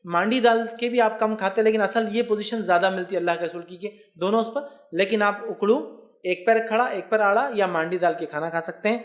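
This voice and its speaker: A man's voice: sits high, fairly even intonation. A man, an Islamic scholar answering viewer questions in a religious lecture, explaining patiently and often checking that listeners follow.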